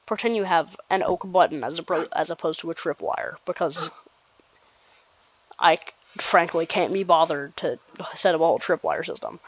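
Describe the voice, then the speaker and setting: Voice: mid-range voice, moderate pace, no echo, dull audio. A gamer giving casual gameplay commentary, rambling and restarting sentences with nervous laughs.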